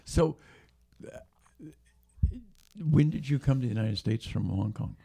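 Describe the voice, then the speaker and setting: A man's voice: on the low side, expressive, a little slow, creaky, mellow, breathy edge. A man hosting an interview, asking friendly questions and chatting along with short replies. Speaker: interview host. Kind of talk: conversational interview.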